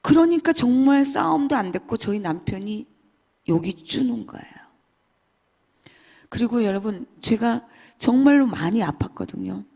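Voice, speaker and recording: A woman giving an emotional church testimony, swinging between loud and hushed. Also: on the high side, expressive, moderate pace, creaky, slightly rough. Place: church hall. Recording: long church hall reverb.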